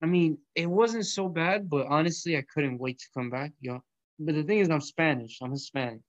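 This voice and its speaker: The sound is lo-fi with no room sound as a young Colombian man, voice fairly high and pace moderate, hosts an online audio room from a small indoor space. He chats casually about food and math in relaxed, swear-filled slang, leaning on "bro" and "yo."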